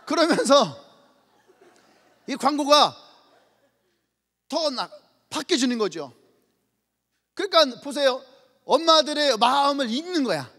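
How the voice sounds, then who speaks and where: A man preaching a sermon as pastor, telling stories with a lively manner, acting out little scenes and calling out hallelujah to the congregation. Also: very high voice, takes it slowly, pauses often. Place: church sanctuary. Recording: long church-hall reverb.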